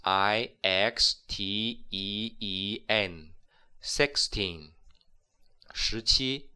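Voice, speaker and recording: A man's voice: lowish voice, drawn-out words, sharp tone, clear, resonant tone. A man giving a recorded English lesson, explaining patiently and spelling words out letter by letter. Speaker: English teacher.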